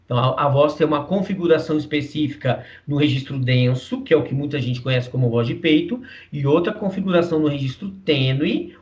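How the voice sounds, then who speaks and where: Brazilian man teaching voice, slightly high. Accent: Brazilian Portuguese. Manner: explains patiently, checks in with "tá?" and "certo?", demonstrates registers. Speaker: singing teacher. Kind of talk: explanatory voice lesson. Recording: distant mic, dull muffled sound.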